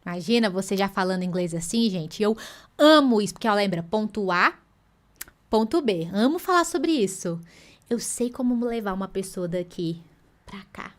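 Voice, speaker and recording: A woman English teacher, giving an energetic, playful online lesson and acting out her students' voices. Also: mid-range voice, normal speed.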